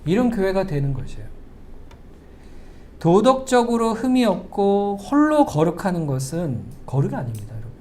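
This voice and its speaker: A middle-aged male pastor giving a sermon in a church, talking conversationally, asking the congregation questions and slowing to a near whisper for emphasis. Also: high-pitched, big pitch swings, darkish tone, a little hiss or hum. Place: church sanctuary.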